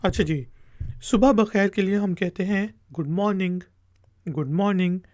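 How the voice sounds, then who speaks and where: A man's voice: high-pitched, normal speed, a little mellow, dry recording. A man teaching a beginner language lesson, saying each phrase and then repeating it carefully for learners.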